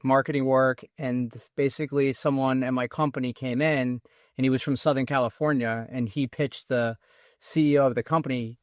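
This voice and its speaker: A man in his forties with a Massachusetts accent chats casually as a podcast guest, rambling through his stories with many restarts. His voice is medium-pitched, and the studio-quality recording has no echo.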